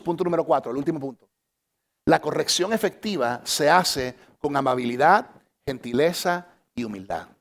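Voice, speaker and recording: A male pastor preaching a sermon to a church congregation, lively and humorous, repeating phrases for emphasis. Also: on the high side, gravelly. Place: church stage.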